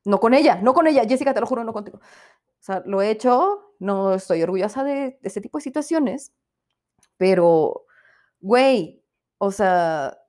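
On her casual series-review podcast, a young woman with a Mexican accent irreverently rants, curses freely, and impersonates the people she mentions with put-on voices. Her mid-range voice is expressive and mellow, and she speaks unhurriedly, pausing often.

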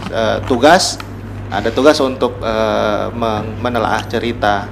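A writer guesting on a podcast, he has a Gorontalo Indonesian accent and explains reflectively in a casual interview, pausing to find his words. His low-leaning voice is steady, a little slow and marked by vocal fry. Noticeable room noise and ambience fill the recording.

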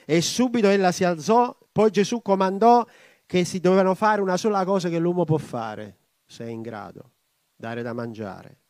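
A man with a high, bright voice preaching in church. He reads scripture with comments, then prays with mounting fervor. The sound is close and dry. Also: lively intonation, normal speed, no room sound. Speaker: pastor. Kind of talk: sermon reading and prayer.

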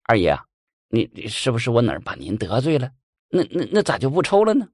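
A greedy, fawning opium addict, played by a man narrating a folk tale. He stammers and wheedles, his pitch moving a lot, in a dry, close recording. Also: wildly swooping pitch, fast, darkish tone, no room sound. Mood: anxious.

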